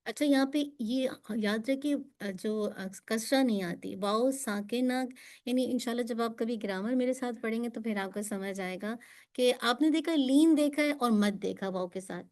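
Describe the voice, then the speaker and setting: A woman teaching Quran recitation, who patiently drills sounds slowly and clearly and switches between Urdu and English to explain them. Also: on the high side, darkish tone. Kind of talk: pronunciation lesson for students.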